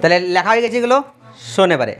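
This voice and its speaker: A man's voice: sits high, very animated, rapid-fire, a bit bright. Man teaching a math class. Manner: talks straight to students, repeats key terms, asks and answers questions.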